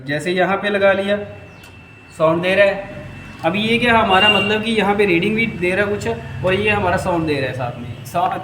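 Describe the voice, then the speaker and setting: A high-pitched man with a Hindi accent explains a repair while he works, often asking a question and then answering it himself. His voice rings in an echoey workshop, with a faint hum of noise behind him. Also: a bit bright. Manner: talks while working, rhetorical questions, repeats "ठीक है". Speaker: electrical repair instructor. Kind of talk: hands-on repair tutorial.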